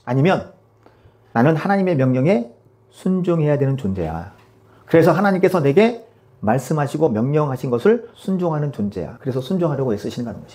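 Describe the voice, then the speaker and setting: A man preaches to his congregation at a fast clip. His voice sits a little high, and he presses points home with pointed rhetorical questions. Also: big pitch swings, dark tone. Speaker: pastor. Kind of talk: sermon.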